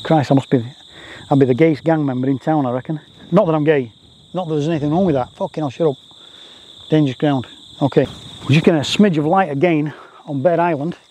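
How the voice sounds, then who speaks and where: Mellow man rambling outdoors. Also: fairly high pitch, fast talker, long pauses. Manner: chatty, self-deprecating, repeats phrases. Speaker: landscape photographer, vlogger. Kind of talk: casual rambling vlog commentary. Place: outdoors on a grassy rural roadside. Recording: faint outdoor noise with insects.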